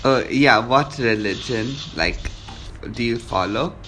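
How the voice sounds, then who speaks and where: A man's voice: mid-range voice, slow pace, bright, forceful tone, faint music behind. A man interviewing someone in a casual phone call, speaking in a friendly, reassuring way. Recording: noisy background.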